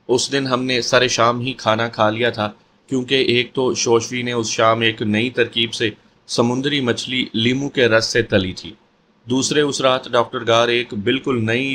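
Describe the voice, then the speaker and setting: A man narrates a horror story in a measured, steady storytelling voice. His pitch sits right in the middle for a man. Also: slight background noise.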